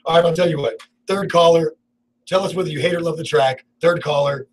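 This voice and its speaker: A man's voice: fairly high pitch, fairly even intonation, a little fast, a little hiss or hum, poor audio. A man hosting a radio talk show, rambling and laughing often through casual on-air banter in the studio. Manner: rambling, laughs a lot, playful.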